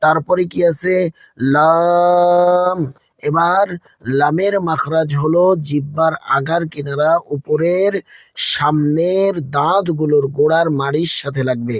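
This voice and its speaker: A male Quran teacher with a slightly high voice, recorded close and dry with no room sound. He talks patiently and says each point twice. He speaks to his listeners warmly as friends. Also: a little slow, no room sound.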